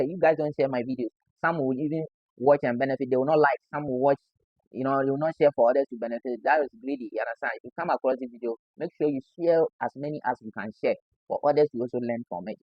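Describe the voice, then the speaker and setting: Ghanaian barber with a dry voice. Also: male voice, medium pitch, a little mellow, dry recording, rough recording. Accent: Ghanaian English. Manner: repeats "you understand?" as a constant check-in. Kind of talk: casual instructional demo.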